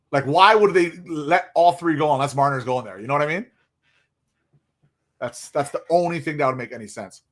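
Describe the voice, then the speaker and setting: A man's voice: fairly high pitch, fairly bright tone. A young man hosting a casual hockey livestream, chatty and rambling with lots of fillers, tired and yawning from little sleep. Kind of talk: casual live stream chat.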